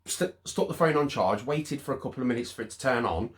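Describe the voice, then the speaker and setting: A deep-voiced, middle-aged Englishman chats in a casual vlog. He tells his story in a relaxed, rambling way, with plenty of fillers. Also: fast talker. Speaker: vlogger.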